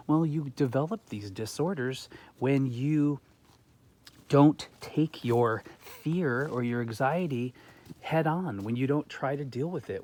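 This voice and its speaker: The host of a gardening channel muses aloud from his outdoor home garden, speaking earnestly to camera and asking rhetorical questions. He has a medium-pitched, slightly mellow voice.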